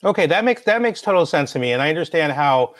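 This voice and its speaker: Curious host with a dry, close sound. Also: male voice, fairly high pitch, animated, quick pace, dry recording. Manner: curious, informal, with "um" and "like" fillers. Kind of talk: casual interview questions on a video call. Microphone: video call.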